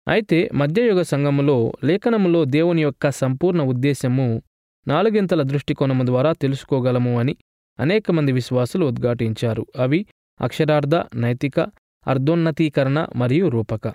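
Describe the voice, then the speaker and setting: A man giving a scripted theology lecture in a measured, formal reading style. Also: mid-range voice, mellow, no room sound, clean studio sound.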